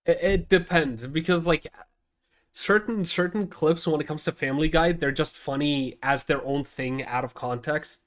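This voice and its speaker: A man with a fairly high, nasal voice talks at a moderate pace on a casual livestream, thinking aloud while he edits a video. He rambles and keeps restarting his sentences.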